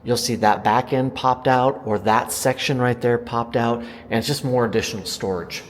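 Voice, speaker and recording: A man's voice: medium pitch, steady tone, normal speed, a little hiss or hum. An American man working as a real estate agent, giving a casual, enthusiastic walk-through home tour and talking up the features to viewers. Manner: enthusiastic sales talk, emphasising features. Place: inside a house, walking room to room.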